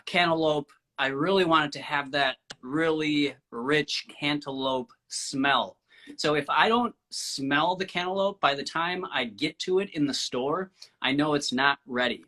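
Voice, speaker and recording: A man's voice: fairly high pitch, sharp tone. A man co-hosting a casual chat, explaining things in an easygoing, hesitant way. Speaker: co-host.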